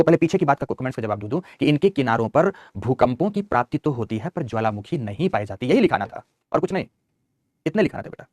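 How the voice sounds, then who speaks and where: A man's voice: medium pitch, a little mellow, no echo, clean studio sound. A man teaching geography in an online class, dictating notes and coaxing and scolding his students. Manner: scolding and coaxing students, calls them beta.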